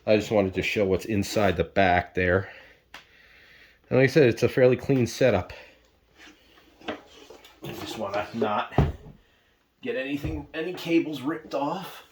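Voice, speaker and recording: A man's voice: mid-range voice, a little slow, pauses often, a little hiss or hum. A man giving casual unboxing commentary, rambling and unsure, thinking aloud with fillers as he moves around his home, sometimes drifting away from the camera mic. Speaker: product reviewer.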